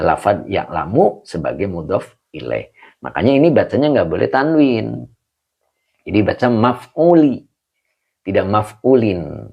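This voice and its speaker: A man's voice: low-pitched, gravelly, husky, highs cut off. A man teaching Arabic grammar in an online class, greeting viewers by name between his explanations.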